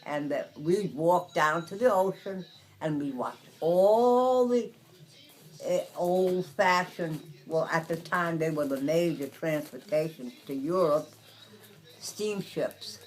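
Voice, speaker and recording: An elderly woman in her nineties from Brooklyn, reminiscing in a casual interview, haltingly, searching for words and repeating phrases. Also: low-pitched, a little mellow, rough recording. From Brooklyn, New York. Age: 90s. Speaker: interviewee recalling the past.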